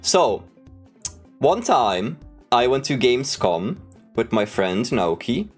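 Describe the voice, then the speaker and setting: A young man chatting casually on a livestream, telling stories in an animated, sweary way. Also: medium pitch, slow pace, husky. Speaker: streamer. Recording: music playing behind the voice. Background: background music.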